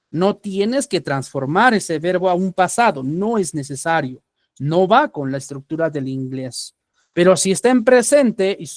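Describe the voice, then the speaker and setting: A man's voice: high voice, no echo, clean studio sound. A man with a Peruvian Spanish accent teaching English grammar in an online class, patiently checking understanding with a rising question after each point.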